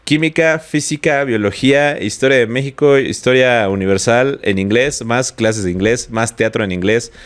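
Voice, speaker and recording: Co-hosting a casual podcast, a young Mexican man speaks in a mid-range voice at a moderate pace, barely pausing. His Mexican Spanish is laid-back and full of slang, which he describes as posh.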